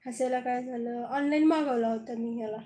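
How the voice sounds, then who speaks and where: A woman's voice: on the high side, fairly even intonation, a little fast, warm tone, rough recording. A woman from southern Maharashtra, chatting casually on a phone live stream and answering viewers one by one with frequent laughs. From Kolhapur, Maharashtra.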